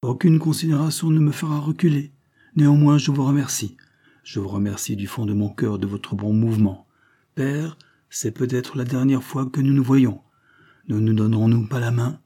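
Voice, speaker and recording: A man voicing a brave, commanding young gentleman who speaks with scorn and resolve in a storybook reading. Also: medium pitch, fairly even intonation, moderate pace, slightly rough, pitched above the performer's own voice. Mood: earnest.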